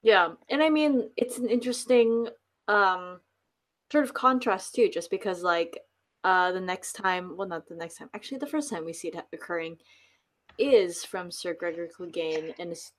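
A woman's voice: fairly low pitch, moderate pace. A young woman guest on a podcast, chatting casually and agreeably with many fillers.

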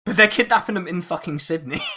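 A man with a fairly high, bright voice talks through a grim history topic in a loose podcast chat. He is wry and profane and breaks into laughter often. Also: expressive, brisk, a little hiss or hum. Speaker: podcast host.

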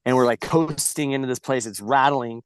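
A blunt man tells a story in casual conversation, swearing freely and circling back on himself with restarts. His pitch sits in an ordinary middle range for a man. The sound is dry and close, with no room echo. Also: normal speed, clean tone. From United States. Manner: blunt and heavily profane, rambling with restarts. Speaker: podcast guest.

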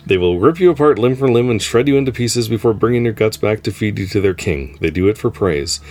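A man voicing a forceful, caring young woman stranded on an alien planet, speaking urgently and insistently. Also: mid-range voice, lively intonation, a little fast, pitched above the performer's own voice, natural voice.

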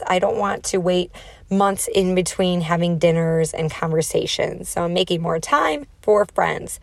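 A woman in her thirties with a nasal, fairly low-pitched voice chats casually and emphatically as she hosts a solo podcast. The recording is dry.

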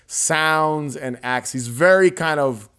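Animated man retelling a movie scene. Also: fairly high pitch, slow pace, clear, resonant tone. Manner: animated storytelling, swearing, laughing. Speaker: podcast host. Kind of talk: casual chat.

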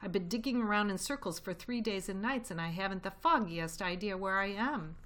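A woman voicing an excitable, anxious male badger in a children's storybook, exclaiming in agitation. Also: mid-range voice, fairly quick, natural voice. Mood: relieved, excited.

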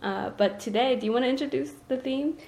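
A woman co-hosts a podcast in relaxed, casual chat. She sounds reflective and breaks into light laughs now and then. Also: high voice, quick pace, gravelly. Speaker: podcast co-host.

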